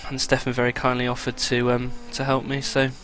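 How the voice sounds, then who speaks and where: A man, commentating a sim racing event in a relaxed, chatty way. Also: mid-range voice, fairly quick, a little hiss or hum. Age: 20s. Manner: relaxed, chatty, reads out lap times with fillers. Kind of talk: casual race commentary.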